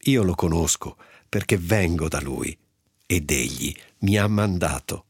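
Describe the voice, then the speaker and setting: A man reading the words of Jesus as a calm, authoritative teacher, in a measured, solemn way. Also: deep voice, gravelly, breathy edge, dry recording, clean studio sound, full character voice.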